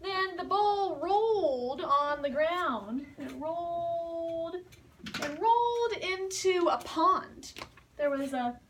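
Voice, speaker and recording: Slow, patient woman explaining a story. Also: very high-pitched, expressive, a bit bright. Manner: patient, repeats and explains words. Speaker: English teacher telling a story. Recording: distant mic with faint hiss.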